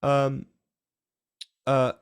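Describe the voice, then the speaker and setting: A man demonstrating music software from a home studio, his voice strained and close to giving out, chatty and self-deprecating with jokey asides. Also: mid-range voice, completely flat delivery, very slow, clean tone. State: strained, nearly losing his voice. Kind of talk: casual product walkthrough.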